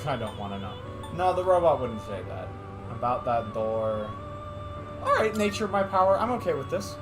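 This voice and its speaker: A man's voice: mid-range voice, very animated, normal speed. Joking man on livestream headset audio. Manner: joking, self-mocking asides to chat. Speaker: streamer. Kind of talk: casual livestream commentary over gameplay. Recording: game music playing clearly under the voice.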